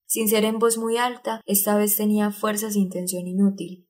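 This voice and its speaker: A woman reads a book aloud as an audiobook narrator. Her voice sits at a middling pitch. The delivery is measured and even.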